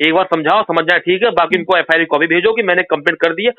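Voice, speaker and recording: Forceful man on a tinny phone call. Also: fairly high pitch, quick pace. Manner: forceful, urging, repetitive. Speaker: channel host giving advice to a caller.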